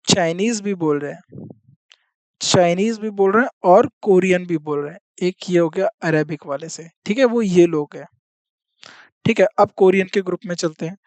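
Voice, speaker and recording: A teacher giving an exam-prep lesson who repeats each point, reads statements out slowly and keeps checking in with the class. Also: medium pitch, a little mellow, no room sound. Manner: reads out English statements slowly, then explains them in Hindi.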